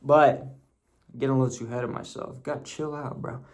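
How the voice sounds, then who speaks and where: A man's voice: medium pitch, fairly even intonation, fairly quick, darkish tone. A young man rambles into his camera at home, telling a story in loose, slangy chat. He swears casually and drifts from one thought to the next. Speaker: vlogger. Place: at home, bathroom nearby.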